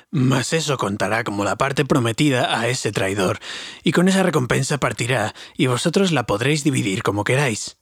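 A stubborn, wrathful dwarf king growls his words slowly and low, as a man reads him aloud. The voice is husky and sits close and dry, like a homemade audiobook. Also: no echo. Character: proud angry dwarf king, older male.

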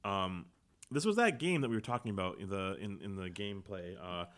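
A man co-hosting a casual sports podcast, relaxed, reading out quotes and chuckling. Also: deep voice, brisk, clean tone. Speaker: podcast co-host.

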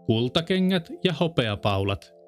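A man's voice: mid-range voice, sing-song, faint music behind, natural voice. A man doing a proud boasting rooster. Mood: boastful. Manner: boastful, crowing sing-song verse. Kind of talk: fairy-tale reading.

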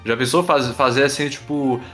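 A young man with a Brazilian accent in casual, excited, slang-filled chat as a podcast co-host. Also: medium pitch, moderate pace, faint music behind.

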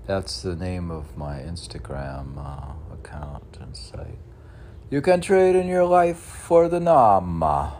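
With faint background noise behind him, a middle-aged poet declaims his own verse in a low, darkish voice, taking it slowly but with lively intonation. Now and then he mutters off-the-cuff asides to himself.

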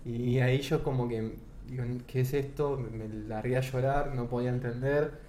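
A man's voice: mid-range voice, little pitch movement, normal speed, warm tone. A young man with an Argentine accent tells his faith testimony in a casual interview, earnest and often restarting his sentences. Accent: Argentine Spanish. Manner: earnest, searching for words with many restarts. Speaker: guest giving testimony. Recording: echoey room with faint background noise.

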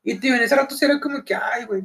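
A young man with a Mexican accent and an unusually high voice, chatting casually in a laid-back, slangy way. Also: rapid-fire, vocal fry, a bit bright. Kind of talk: casual chat.

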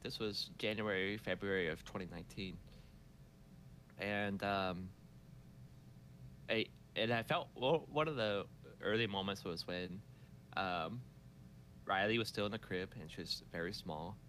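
A man tells a family story in a relaxed, chatty way, stopping and restarting as he goes and laughing often. His tone is bright and forceful and sits a little low. Faint noise hums behind him. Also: a little slow, pauses often. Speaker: parent recounting a story. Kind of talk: casual conversation.

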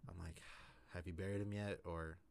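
A man with a very deep, low voice tells a rambling story over a podcast chat. He keeps circling back with fillers and "like" as he goes. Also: fairly even intonation, moderate pace, vocal fry, a little mellow, clean tone. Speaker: podcast co-host.

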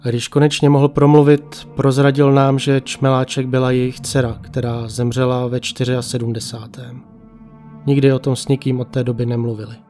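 Male narrator, mellow and measured, reading a ghost story over quiet music. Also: mid-range voice, little pitch movement. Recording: faint music behind.

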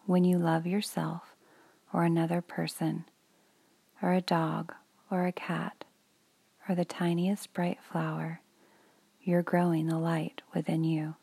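A woman leads a children's meditation in a hushed, breathy near-whisper. Her voice is low, dark and gravelly, and she speaks in an even, unhurried way. The sound is dry and close, with no room echo. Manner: soft whispery delivery, slow and soothing. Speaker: meditation guide.

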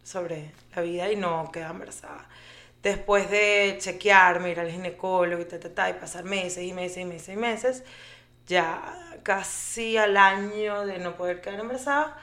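A woman's voice: lowish voice, normal speed, a bit bright. A woman, chatting as an interview guest and dropping English phrases. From Venezuela. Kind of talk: conversational interview.

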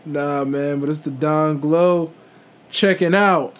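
A man's voice: on the high side, fairly even intonation, slow. A man co-hosting a podcast in casual, comedic chat, slangy and jokey, leaning on repeated catchphrases. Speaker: podcast co-host.

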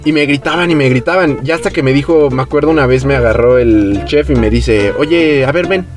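A young man with a Mexican Spanish accent, hosting a podcast and telling a story in relaxed, slangy chat, acting out the voices of people he quotes. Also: mid-range voice, fairly quick, soft background music. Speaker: podcast host.

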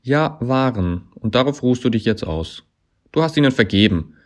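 A man's voice: deep voice, animated, drawn-out words, exaggerated voice. Man voicing a mocking talking climbing hold. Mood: bitter. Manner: dry, mocking, growing into loud accusations.

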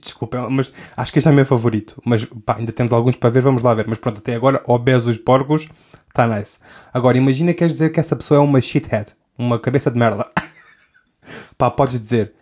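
A young man hosts a podcast in a quick, fairly even, slightly mellow mid-range voice with a European Portuguese accent. He rambles through a comedic monologue, interrupting himself and often breaking into laughter.

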